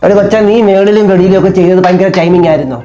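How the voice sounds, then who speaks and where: A man's voice: sits high, racing, warm tone, soft background music. A man in a comedy sketch, mocking and grumbling at the others. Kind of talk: scripted comedy sketch acting. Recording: roomy echo.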